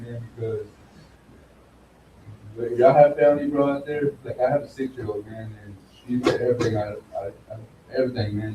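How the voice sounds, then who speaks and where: A man's voice: mid-range voice, reverberant, recorded from a distance, heavy background noise. A man giving an earnest testimony to a recovery group, filling his talk with "man" and "bro". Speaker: recovery house resident.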